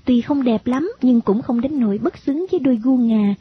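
Lady reading a story aloud, high voice, dull lo-fi audio. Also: moderate pace, a little hiss or hum. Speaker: narrator. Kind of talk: storybook narration. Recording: dull lo-fi recording.

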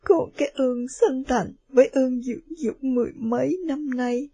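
A woman's voice: high voice, normal speed, dark tone, slightly rough, no room sound. A woman voicing a remorseful young daughter who sobs and begs forgiveness. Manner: sobbing, imploring. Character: remorseful young daughter, sobbing and self-blaming.

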